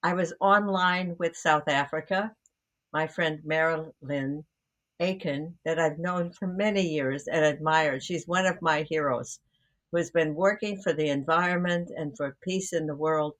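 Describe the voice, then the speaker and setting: A woman's voice: sits low, a little slow. Rambling older woman co-host. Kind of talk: casual conversation.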